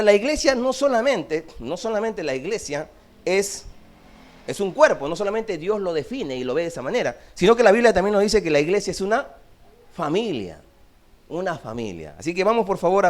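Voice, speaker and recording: A man preaching a sermon as pastor, swinging between loud emphasis and hushed low phrases. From Peru. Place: church.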